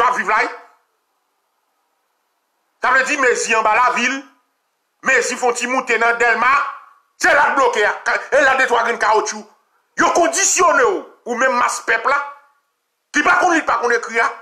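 A man with a Haitian accent giving an impassioned political talk, repeating phrases and sometimes shouting. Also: extremely high pitch. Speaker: commentator.

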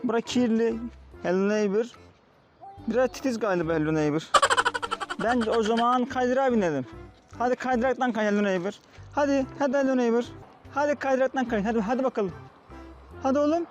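A man's voice: extremely high pitch, a little fast, pauses often, soft background music. A father playing with his young son in a family vlog, talking in a coaxing, repetitive, playful way.

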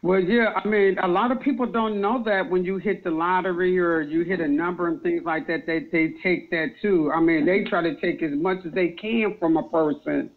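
A man with a fairly high voice hosts a talk show in easygoing casual chat, with fillers and ready laughs. The audio is dull and lo-fi. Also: fairly even intonation, moderate pace, hardly any pauses.

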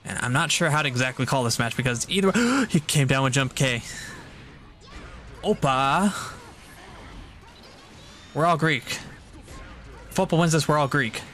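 A man doing live play-by-play commentary on a fighting game tournament, jokey and excitable, munching on food as he talks. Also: mid-range voice, a little fast. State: eating while talking. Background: music playing behind.

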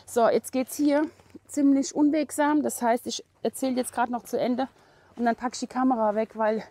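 A woman's voice: a little high, fairly even intonation, moderate pace, warm tone. A middle-aged woman chatting to the camera while hiking an outdoor forest trail, rambling with many fillers and laughs, a little out of breath. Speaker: hiking vlogger. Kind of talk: casual chat to camera. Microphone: camera held at arm's length.

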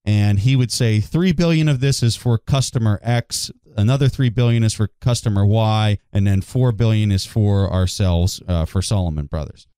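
A man co-hosting a casual podcast, speaking with a low, mellow voice. He tells stories with emphatic enthusiasm. The sound is dry and close, with no room echo. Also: normal speed, hardly any pauses, clean tone. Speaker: podcast co-host.

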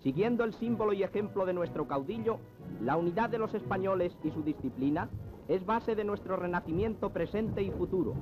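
A man's voice: sits high, lively intonation, fairly quick. A man with a Castilian Spanish accent narrating an old newsreel in a solemn, declamatory way, heard as an old newsreel soundtrack. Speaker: newsreel announcer. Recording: dull lo-fi archival film sound with music behind.

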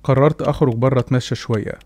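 A man's voice: medium pitch, fairly even intonation, rapid-fire, darkish tone. A man with an Egyptian accent narrating a scripted horror story in a dramatic first-person storytelling manner.

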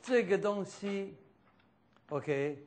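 Slow-speaking man teaching a class. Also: sits high, expressive, darkish tone, slight background noise. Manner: loose, repetitive, mixing in English fillers.

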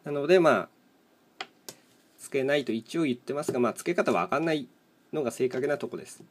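A man's voice: mid-range voice, fairly quick, slightly rough. A man casually commentating as he plays, thinking aloud in short, matter-of-fact fragments. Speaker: host of a solo mahjong chat video and live streamer. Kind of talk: casual rambling commentary while playing tiles.

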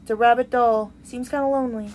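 A woman streaming a game live, reading the on-screen text aloud and reacting with excitement. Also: fairly high pitch, quick pace. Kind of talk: live gameplay commentary. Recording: loud insect and cricket noise behind.

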